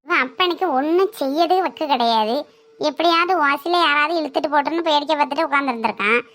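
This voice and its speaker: A woman's voice: sits high, pushed and bright. A woman playing a nagging older mother-in-law who scolds and complains bitterly in a family skit. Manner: complaining, scornful rant.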